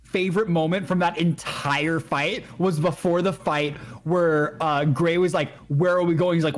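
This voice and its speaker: A man co-hosting a casual podcast, animatedly retelling scenes and acting out quotes. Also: a little high. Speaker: podcast co-host. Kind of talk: casual chat.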